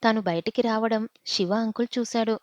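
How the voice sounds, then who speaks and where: A woman's voice: on the high side, fairly even intonation, normal speed, no echo, natural voice. A woman voicing a frightened young girl recounting what she saw, in a dull, dry recording.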